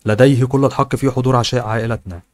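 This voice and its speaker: A stern middle-aged father lays down the law in firm, commanding words, as a man narrating puts him on. The delivery is brisk and the voice has a middling pitch. The sound is close and dry. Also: steady tone, darkish tone, no echo, natural voice.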